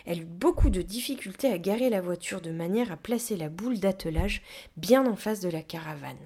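A woman narrating a children's storybook aloud in an expressive, animated way. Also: fairly low pitch, a little fast, slightly rough. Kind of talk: storybook reading.

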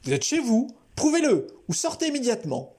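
A man's voice: very high voice, huge pitch swings, brisk, a little mellow, voice pushed up, exaggerated voice. A man reading aloud and voicing an older man who stands his ground curtly and firmly. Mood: stern. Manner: curt, firm. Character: older man standing firm, curt and stern.

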